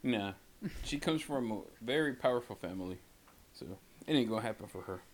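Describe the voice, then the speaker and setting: A male co-host chats casually on a podcast, cursing his way through rambling thoughts. His pitch rises and falls a great deal as he talks, which makes him sound very lively. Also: a little fast, a little hiss or hum. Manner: profane, rambling, swears constantly. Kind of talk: casual chat.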